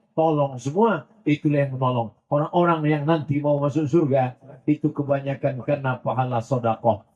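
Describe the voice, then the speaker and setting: Male preacher, husky highish voice, jokes then arabic verses, sounds a bit dull and lo-fi. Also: a little mellow. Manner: rhetorical, jokey anecdotes, Arabic verse recitation, rising emphatic calls. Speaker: Islamic preacher. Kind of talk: sermon to a large crowd. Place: large religious gathering.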